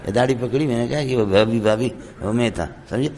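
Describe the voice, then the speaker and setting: A hoarse man giving a Quran commentary lecture in a madrasa, telling stories and often checking that his listeners understand. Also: mid-range voice, noisy background. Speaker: Quran teacher.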